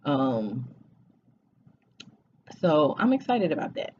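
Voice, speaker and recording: 40ish vlogger just chatting, lots of ums and restarts, mid pitch, kinda muffled lo-fi audio. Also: very animated, slow, a little mellow, slight background noise. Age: 40s. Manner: hesitant, many fillers and restarts. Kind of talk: casual chat to camera.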